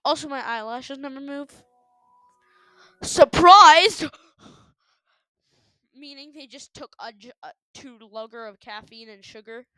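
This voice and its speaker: Young woman, high-voiced reaction commentator; sarcastic, jumpy, yelps when startled, dry close sound. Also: moderate pace, hardly any pauses, no room sound, faint music behind. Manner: excitable, jumps to loud startled yelps and gasps; sarcastic running jokes. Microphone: headphones on while recording.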